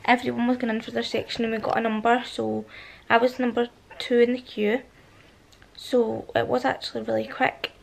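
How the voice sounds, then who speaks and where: Propped against her headboard in a bedroom at home, a twenty-something woman from Scotland talks quietly into a camera or phone at arm's length for a casual vlog. She has a cold that roughens her voice into huskiness, and she says um a lot. Her voice is slightly high, her tone level, and her speed normal.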